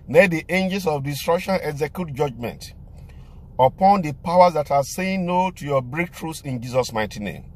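Pastor praying in a car. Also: male voice, on the high side. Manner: emphatic, repetitive declarations. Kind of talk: preaching and praying to camera. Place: inside a parked car. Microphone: phone camera at arm's length.

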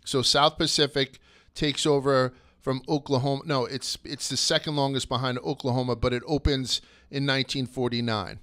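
A man's voice: medium pitch, little pitch movement, normal speed, fairly bright tone, no echo, studio quality. A man hosting a casual history podcast, chatty and crude, going off on tangents. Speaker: podcast host.

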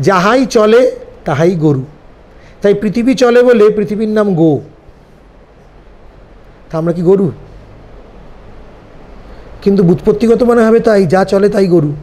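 A man's voice: high-pitched, warm tone. A man with a Bengali accent giving a seminar lecture, explaining ideas and often checking that his listeners follow. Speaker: seminar teacher. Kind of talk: lecture to students.

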